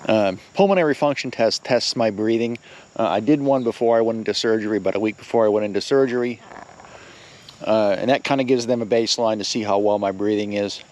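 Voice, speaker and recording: A man's voice: lowish voice, brisk, darkish tone. A middle-aged man, rambling casually and a little out of breath as he films a walk around his rural yard. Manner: rambling, filler-heavy, plain-spoken. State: slightly out of breath. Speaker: vlogger. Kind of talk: casual walking vlog. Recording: faint outdoor noise with crickets.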